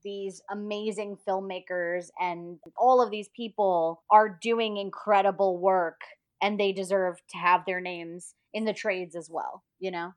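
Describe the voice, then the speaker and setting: A woman's voice: medium pitch, fairly even intonation, unhurried, few pauses. A woman co-hosting a podcast, chatting casually and enthusiastically about a guest's work. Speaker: podcast co-host. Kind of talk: casual chat.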